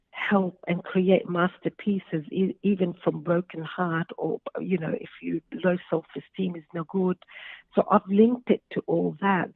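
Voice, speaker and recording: Woman from Lebanon, earnest author guest, gravelly creak, tinny dry phone line. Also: fairly low pitch, dry recording. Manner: earnest, heartfelt, hesitant fillers. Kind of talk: phone interview. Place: her home.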